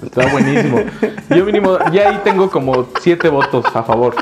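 A man's voice: on the high side, lively intonation, fairly quick. A young Mexican man chatting casually as a podcast co-host, playful and teasing, mocking himself. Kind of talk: casual chat.

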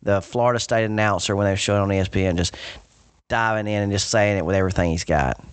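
Low-voiced teasing podcast co-host. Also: male voice, fast talker, smooth, dry recording. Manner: teasing, runs the segment. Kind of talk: casual sports chat.

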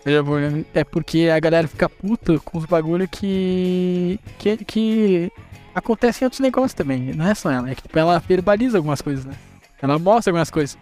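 Fast, high-voiced young man. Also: faint music behind. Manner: excitable, slangy, stumbles over words. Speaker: podcast co-host. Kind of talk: casual chat.

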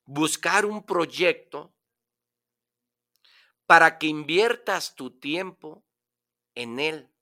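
A man delivers a motivational radio talk in a bright, forceful voice. He speaks emphatically and preaches, driving points home by repeating phrases. His pitch sits a little high for a man.

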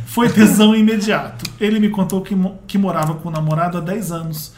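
A man hosts a casual podcast, telling stories at a rapid clip with a high voice. He acts out the quoted dialogue with gusto. The room sounds roomy, with a faint hum behind him. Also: fairly even intonation, a little mellow. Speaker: podcast host. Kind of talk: casual podcast chat, reading listener letters. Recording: echoey room with faint background noise.

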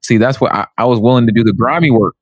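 Male co-host, quick slangy banter with a dry, close sound. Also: mid-range voice, breathy edge, no room sound. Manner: fast slangy banter, repeats himself for emphasis. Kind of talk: casual chat.

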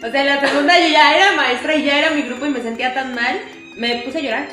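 A young woman with a Mexican accent, a preschool teacher telling personal stories in a casual interview, lively and emotional, acting out what people said. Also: high-pitched, fast talker, soft background music. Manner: emotional, animated storyteller who acts out quotes. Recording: echoey room.

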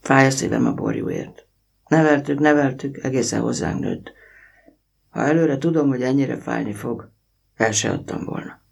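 A man reading a storybook voices a quiet, sorrowful middle-aged railway worker and father who speaks softly and slowly. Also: mid-range voice, gravelly, breathy edge, far from the mic. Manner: soft, slow, heavy-hearted.

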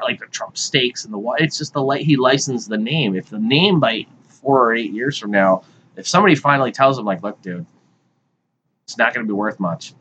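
A man's voice: medium pitch, fairly bright tone. A man hosting a casual panel chat, rambling and putting on mocking voices when he quotes people. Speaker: podcast host. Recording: muffled with faint background hiss.

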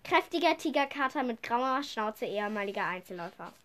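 A woman's voice: on the high side, expressive, fairly quick, very noisy. A young woman co-hosting a podcast in playful casual chat, reading clues aloud and laughing often. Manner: playful, bursts of laughter, reads descriptions aloud. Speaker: podcast co-host. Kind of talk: casual chat, quiz banter.

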